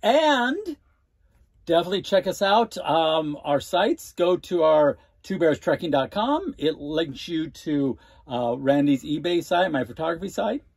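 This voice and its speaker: A middle-aged man with a somewhat husky, slightly higher voice chimes in often with agreement and quick asides. His pitch swings widely from phrase to phrase. He sits beside his co-host, filmed by a webcam in a small room. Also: sing-song, no echo, studio quality. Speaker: co-host of an RV travel channel. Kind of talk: casual chat. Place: small indoor room in front of a green screen.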